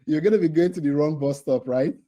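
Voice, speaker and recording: A man's voice: fairly high pitch, fairly quick, mellow, low-quality recording. A man hosting a live online quiz for a training cohort over a video call, teasing the players and laughing often.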